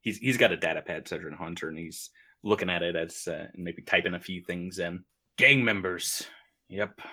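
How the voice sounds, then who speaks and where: A man narrating as game master of a tabletop podcast, chatty and quick to laugh. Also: low-pitched. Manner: chatty, laughs often, lively.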